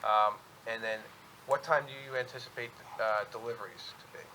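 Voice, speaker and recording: Male lawyer at a board meeting, bright forceful voice, halting and methodical, bit of room noise. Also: fairly low pitch, fairly even intonation, low-quality recording. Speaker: attorney for an applicant. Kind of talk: formal hearing presentation and questioning.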